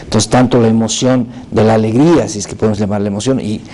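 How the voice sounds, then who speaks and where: A man's voice: on the low side, fairly even intonation, quick pace, dark tone. A man speaking as a talk show guest, explaining ideas patiently and checking in with the listener.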